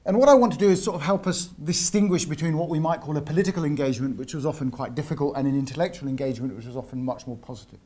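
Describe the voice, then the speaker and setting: A man giving an academic seminar lecture at a university, often pausing and repeating words as he searches for the right phrasing. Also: a little high, warm tone. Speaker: visiting lecturer.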